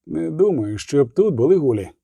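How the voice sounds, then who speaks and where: A man voicing a calm, terse male monster hunter in an audiobook, speaking slowly and flatly. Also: a little high, vocal fry, breathy edge, no room sound, exaggerated voice. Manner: terse, level, unhurried. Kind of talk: audiobook character voice.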